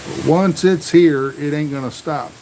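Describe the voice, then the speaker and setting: A man's voice: fairly high pitch, measured pace, creaky, dark tone, a little hiss or hum. An American man chatting casually on a live stream, rambling in a folksy way and repeating words. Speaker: livestream host. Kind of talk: casual live storm vlog chat. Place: outdoors near a truck in rain.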